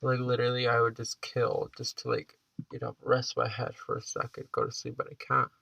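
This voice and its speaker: A man's voice: medium pitch, completely flat delivery, brisk, gravelly, bright, forceful tone, no room sound, low-quality recording. A 21-year-old man chatting casually in a vlog, rambling and hesitant, with the stuffed-up nasal sound of a blocked nose. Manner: hesitant and rambling, heavy use of "like". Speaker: vlogger.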